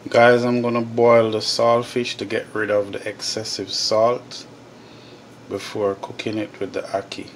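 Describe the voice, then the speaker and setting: A Jamaican man talks slowly through his home cooking, his low voice staying flat and unhurried as he explains each step to viewers. The phone recording picks up clear kitchen noise, with pots boiling in the background. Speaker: home cooking show host. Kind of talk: casual cooking vlog. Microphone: phone camera held over the stove. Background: pots boiling and sizzling.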